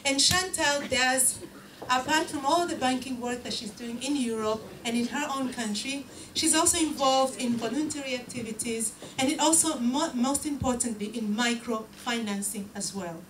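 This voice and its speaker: High-pitched woman hosting in an echoey room. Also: moderate pace, few pauses, a bit bright. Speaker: talk show host. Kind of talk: live stage introduction and interviewing. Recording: echoey room, distant mic, noisy.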